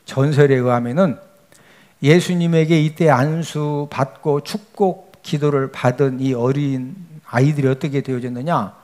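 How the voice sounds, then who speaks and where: A man's voice: mid-range voice, fairly even intonation, unhurried, a little mellow. A male pastor preaching a sermon, often asking the congregation questions and answering them himself, with frequent emphatic checks to the listeners.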